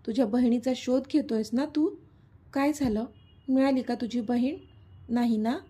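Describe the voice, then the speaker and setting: A cruel, taunting male villain from an audio story, read by a woman. The voice sits fairly high and mellow with a husky edge. He sneers through every line. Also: fairly even intonation, moderate pace. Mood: sneering. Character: cruel mocking middle-aged male villain.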